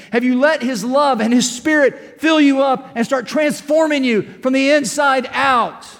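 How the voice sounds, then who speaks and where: High-voiced pastor preaching in a hall. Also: male voice. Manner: impassioned preaching, rising to shouts, rhetorical questions. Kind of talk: sermon. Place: church sanctuary. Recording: long hall reverb.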